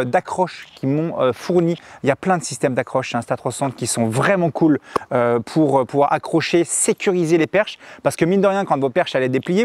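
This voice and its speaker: A man giving a casual, chatty camera demo straight to his viewers, full of slang. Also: a little high. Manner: lively, chatty, addresses viewers directly with slang. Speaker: motorcycle vlogger reviewing a camera. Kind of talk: casual product demo vlog.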